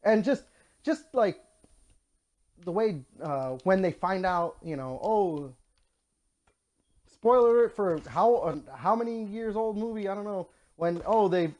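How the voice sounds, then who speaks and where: Young male co-host, slightly high register, playful and gushing in casual banter. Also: lively intonation, a little slow, a little mellow. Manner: enthusiastic, joking, gushing. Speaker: podcast co-host. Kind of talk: casual chat.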